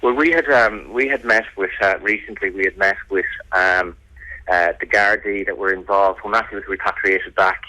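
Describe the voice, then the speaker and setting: An Irish man being interviewed on radio as a family campaigner, speaking in an earnest, determined and halting way. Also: deep voice, steady tone, sharp tone, no room sound, low-quality recording.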